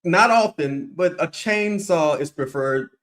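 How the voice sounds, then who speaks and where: A man co-hosting a casual basketball talk, measured and emphatic, often dropping "man". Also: a little high, animated, fairly bright tone. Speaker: podcast co-host.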